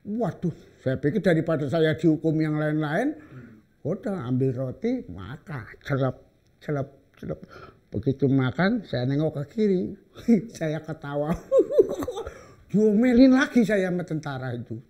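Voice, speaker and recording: A man's voice: fairly high pitch, sing-song, measured pace, mellow. An older man, a veteran comedian, telling a funny anecdote, acting out the voices in it and laughing at his own jokes. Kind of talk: storytelling stand-up comedy.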